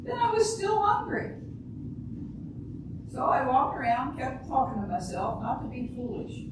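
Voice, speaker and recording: Captured from afar in a noisy, very echoey room, an older amateur readers'-theater performer plays a naive mother and housewife. In plain, ungrammatical, literal-minded words, she earnestly and bluntly recounts shooting her husband as if it were nothing unusual. Her high, sing-song voice is a little slow.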